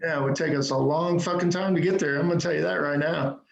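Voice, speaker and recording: This stand-up comic pokes fun at himself in quick, punchy jokes, often tossing in "right?", performing over a video call. His gravelly, higher voice stays fairly even in intonation, and the computer-mic audio from an echoey room sounds dull.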